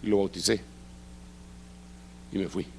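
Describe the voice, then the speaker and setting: Gravelly middle-aged preacher telling a story. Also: male voice, low voice, measured pace, slight background noise. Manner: animated storytelling, acting out quoted dialogue. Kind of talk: sermon testimony. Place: church service.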